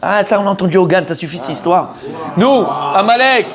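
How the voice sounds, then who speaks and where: A man teaches a lively religious class to a roomful of men, speaking French sprinkled with Hebrew terms, asking and answering his own questions, and acting out the story's characters. His voice is high and rapid-fire over a loud crowd.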